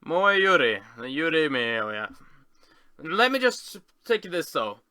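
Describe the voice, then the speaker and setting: In a casual screen tour, a video host rambles, halts and self-corrects as he talks. He has a fairly high, very bright and forceful voice with big pitch swings and a clear, smooth tone. The audio is close and dry, with no room sound.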